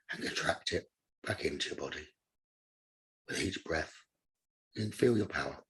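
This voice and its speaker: This male guide's voice runs somewhat deep and strongly raspy and breathy. He teaches meditation in a calm, instructional way, using short phrases with space between them.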